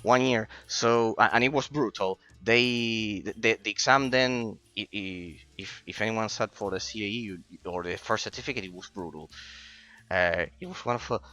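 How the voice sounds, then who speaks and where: A native Spanish speaker in his late twenties chats casually with his stream viewers while gaming, often stumbling and repeating words as he starts sentences. His voice sits on the low side with a sharp tone and a normal pace. Soft music plays in the background.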